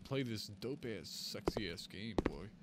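A man giving excitable let's-play commentary, swearing freely and breaking into loud yelps. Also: fairly low pitch, slow, very noisy. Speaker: gaming video creator.

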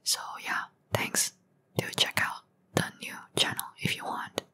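A woman, a channel creator, giving a casual, soft-spoken announcement to listeners. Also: measured pace, in a whisper.

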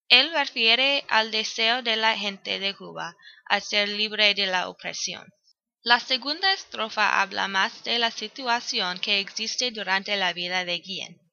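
A woman's voice: medium pitch, gravelly, sharp tone. A woman student reading a prepared poem analysis aloud, evenly, with some grammar slips. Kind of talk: read-aloud school presentation. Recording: dull, dry lo-fi recording.

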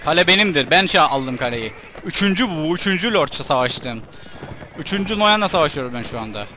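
A young man giving live commentary on his own gameplay, excitable, shouting at his troops and enemies and muttering when things go badly. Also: on the high side, fairly quick, a little hiss or hum.

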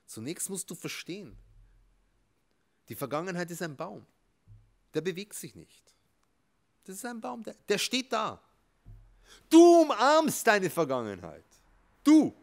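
A man, a rabbi, giving an emphatic motivational talk that swings between soft and loud. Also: fairly high pitch, gravelly. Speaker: rabbi and therapist.

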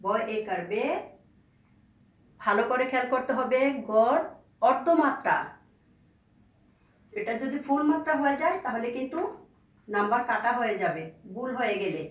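A woman's voice: fairly high pitch, animated, moderate pace, long pauses, reverberant, recorded from a distance, poor audio. A woman primary school teacher gives a recorded lesson, spelling each word letter by letter, repeating it, and checking that the pupils have written it down.

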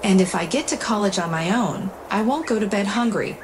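A woman's voice: mid-range voice, brisk, natural voice. A woman voicing an earnest, caring young male paramedic student, with faint noise in the recording.

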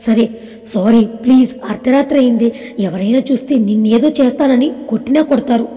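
A woman's voice: on the high side, a little fast, warm tone, natural voice. A woman voicing an easygoing young man who jokes and pleads with his friend. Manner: good-humoured, pleading, joking. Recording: echoey room with long reverb.

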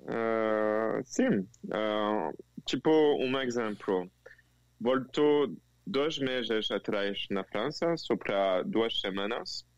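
A man's voice: on the low side, lively intonation, extremely slow, clear, resonant tone, dry recording, muffled recording. A man from France, a company CEO, speaking Portuguese as a second language in an interview, hesitant with many fillers. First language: French.

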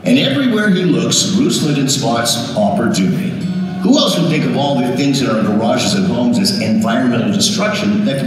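A man's voice: medium pitch, far from the mic. A man narrating a tribute video in a scripted, emphatic announcer style. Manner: lively, emphatic announcer delivery. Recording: video played over hall speakers, echoey.

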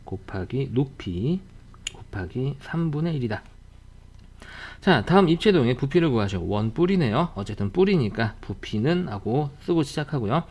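A male math teacher giving a recorded online lesson. He talks at a mid pitch and works through each problem briskly, repeating the same reminders again and again. Now and then he breaks off into friendly lecturing asides. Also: big pitch swings, darkish tone, breathy edge.

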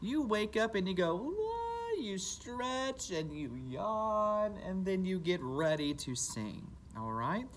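A music teacher talking children through a song, patiently singing out each line to demonstrate it. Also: male voice, high voice, slight background noise. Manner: slow, patient and lively, singing out the lines to demonstrate. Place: home set up as a virtual classroom.

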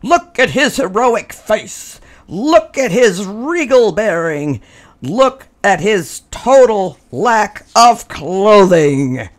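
A woman's voice: medium pitch, big pitch swings, very slow, pitched above the performer's own voice. A woman voicing sarcastic, disgusted naked mole rats in an exaggerated, scornful way for a children's storybook. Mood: indignant. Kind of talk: children's storybook read-aloud.

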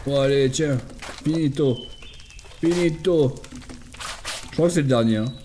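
A young man casually commenting on his game and reading in-game notes aloud, getting excited as he plays. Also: mid-range voice, measured pace, slight background noise. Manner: excitable, talks to himself and viewers, reads in-game notes aloud. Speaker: gaming YouTuber. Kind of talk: casual let's-play commentary.

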